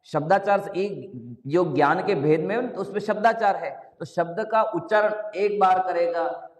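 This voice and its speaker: Man giving a sermon in an echoey hall. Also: sits high. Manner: questioning listeners, chants verses slowly. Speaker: Jain scripture teacher. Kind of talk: Hindi sermon with chanted Prakrit verses. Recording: echoey hall, long reverb.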